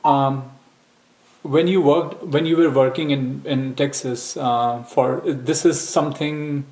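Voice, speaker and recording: A man hosting a career-advice interview, asking brisk questions and checking facts. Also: medium pitch, fairly even intonation, darkish tone, rough recording. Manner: brisk questioning with quick acknowledgments. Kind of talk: interview over a call.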